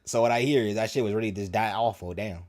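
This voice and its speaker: A man with a fairly low voice reacts to a video on stream. He talks casually, cracks crude jokes and laughs often between comments. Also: fast talker, a little mellow.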